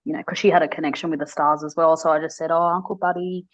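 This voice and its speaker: A low-pitched woman chatting casually on a podcast. She tells stories with animation and slips into higher voices for quotes. The audio sounds dull and lo-fi. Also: racing. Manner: animated storyteller, acts out quotes in high voices. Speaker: podcast co-host. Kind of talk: casual chat.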